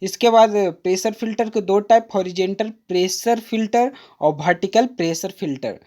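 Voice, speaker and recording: Mellow-voiced woman tutoring step by step. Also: medium pitch. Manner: patient, repetitive, addresses viewers as friend, mixes in English terms; reads English definitions aloud slowly. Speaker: diploma course tutor. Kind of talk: exam-prep lecture, explaining a diagram.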